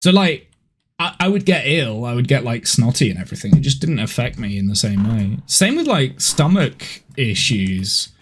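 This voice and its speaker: A man in his thirties with a head cold streams a horror game from home, rambling and chatting casually about the gameplay. His medium-pitched voice is very animated and slightly rough, moving at a moderate pace.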